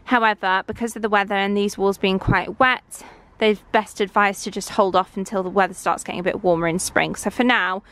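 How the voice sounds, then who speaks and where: A woman's voice: medium pitch, fairly even intonation, brisk, a bit bright. Young woman, casual vlogger, rambling and chatty, handheld camera on a building site. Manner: chatty, rambling, lots of fillers. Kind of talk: casual renovation walkthrough. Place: indoor and outdoor building site. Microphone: handheld camera, filming herself off screen.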